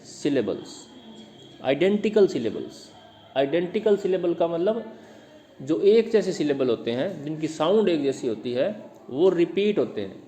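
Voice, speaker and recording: A man teaching who reads definitions slowly, then explains them plainly for students. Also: a little high, dark tone. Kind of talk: lecture explaining literary terms.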